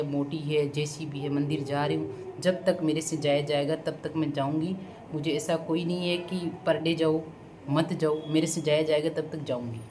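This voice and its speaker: A woman's voice: low-pitched, a little mellow, slight background noise, low-quality recording. A woman vlogger answering viewer comments to camera in a blunt, defiant, sarcastic way. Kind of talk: casual talking-to-camera vlog.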